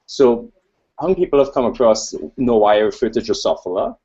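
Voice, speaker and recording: Speaking a little fast in a warm, medium-pitched voice with a breathy edge, a Trinidadian-accented male researcher gives an animated, informal conference talk with slides. He digresses and makes jokes at his own expense, heard over dull, lo-fi webcast audio.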